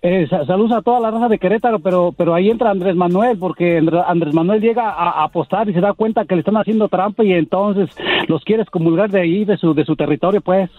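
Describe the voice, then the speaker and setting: A man's voice: high-pitched, fast, soft background music. A man calling into a radio show, explaining his request in an easygoing, rambling way. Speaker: caller. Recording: tinny phone line.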